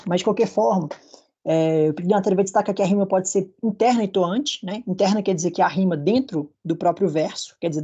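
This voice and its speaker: A man's high, mellow, husky voice comes through with the upper frequencies cut off. He has a Brazilian Portuguese accent and gives a recorded lecture over slides at a university, explaining patiently and frequently checking in with his students.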